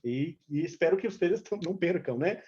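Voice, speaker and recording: A Brazilian woman, native in Portuguese, talks a little fast in a fairly low, dark, expressive voice. She is an activist and movement representative giving an informal seminar, switching between Portuguese and Spanish and searching for words. The recording is a dull, lo-fi online call.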